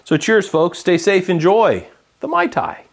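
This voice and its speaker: A man hosting his own cocktail vlog, explaining a drink step by step in a relaxed, chatty way with many fillers. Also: sits high, a little slow, gravelly. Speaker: home bartender host. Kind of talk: casual cocktail-making vlog.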